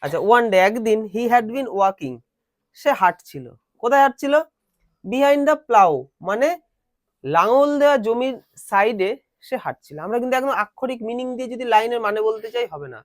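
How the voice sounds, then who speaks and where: A male teacher giving a classroom lesson. He reads English lines slowly, then explains them and quizzes his students. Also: very high voice, animated, no echo, clean studio sound.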